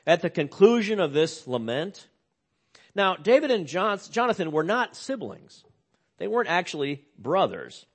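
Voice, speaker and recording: An older man, a pastor, preaching a sermon and telling a story earnestly, dropping low and quiet on sad news and rising for emphasis. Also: big pitch swings, normal speed, husky.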